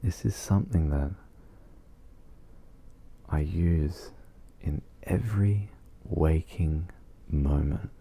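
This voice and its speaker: A man with a very deep, breathy voice leads an ASMR guided meditation. He speaks slowly, softly and soothingly, leaving long pauses.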